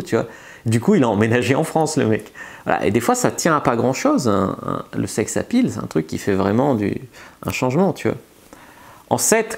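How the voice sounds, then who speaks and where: This seduction coach has a fairly low, creaky, darkish voice and speaks casually to camera, giving advice. His delivery is loose, with frequent fillers and restarts.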